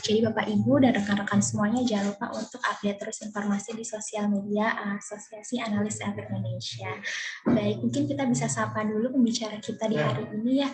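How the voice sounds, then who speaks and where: A woman's voice: mid-range voice, level tone, fast talker, rough recording. A woman moderating a webinar over a video call, speaking politely and formally with frequent hesitation fillers. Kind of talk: formal event hosting.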